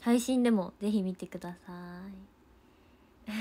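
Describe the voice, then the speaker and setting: A woman's voice: mid-range voice, measured pace, warm tone, breathy edge. A young woman with a chatting casually to fans on a livestream, giggling often.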